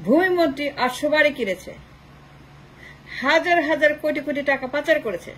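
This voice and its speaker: A woman with a high, bright-pitched voice delivers an impassioned political commentary. She hammers her points through long rhetorical lists of short phrases. She mixes English phrases into her speech. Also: lively intonation, fairly quick, a little hiss or hum, poor audio.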